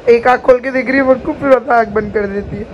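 A woman's voice: a little high, steady tone, quick pace, muffled recording, a little hiss or hum. A woman chatting casually to her viewers at home, teasing and giggling as she talks. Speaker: vlogger, co-host. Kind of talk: casual home vlog chat. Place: home, indoors.

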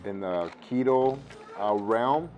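A man in his thirties, still husky after losing his voice the day before, sits at a table at home tasting a snack and reviewing it for a casual vlog. His voice is lowish and slow, and the lapel mic gives dull audio over soft background music. He's easygoing, thinks aloud with fillers, and switches to Spanish when talking to his kids.

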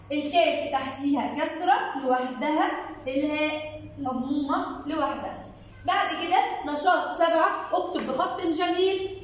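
A woman with an Egyptian Arabic accent teaching a children's lesson. She reads words in slow, drawn-out syllables and encourages her pupils by speaking to them directly. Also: sits high, very echoey, recorded from a distance, a little hiss or hum. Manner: slow drawn-out word readings, sing-song syllables. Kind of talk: children's lesson, explaining workbook exercises.

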